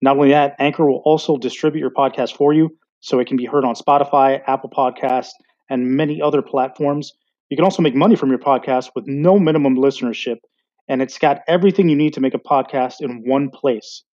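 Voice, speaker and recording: A man's voice: mid-range voice, fairly even intonation, fairly quick, darkish tone, highs cut off. A male podcast host with a mid-range voice. He speaks casually and conversationally, with a modest, self-deprecating manner.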